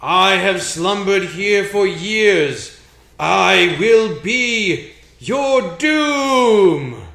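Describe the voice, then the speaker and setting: A man voicing a menacing, hungry ancient elf statue spirit in slow, drawn-out, booming pronouncements in a tabletop game. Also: animated, gravelly, pushed and bright, exaggerated voice. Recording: echoey room.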